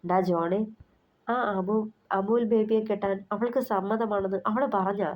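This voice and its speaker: Woman doing a cocky stubborn young guy, rough and mocking, muffled. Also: medium pitch, fairly even intonation, measured pace, close to an everyday voice. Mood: indignant. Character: proud stubborn young man, quick to insult. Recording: slightly muffled recording.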